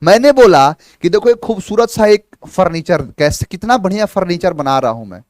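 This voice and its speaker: A male grammar teacher giving a live online lesson, animated, acting out imagined student replies in quick back-and-forth dialogue. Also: sits high, no echo, clean studio sound.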